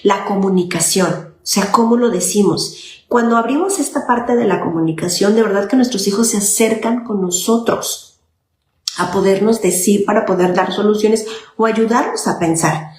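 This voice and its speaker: A woman's voice: mid-range voice, moderate pace. A woman child psychologist, explaining parenting in an informal talk and often checking in with "okay?". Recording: echoey room with faint noise.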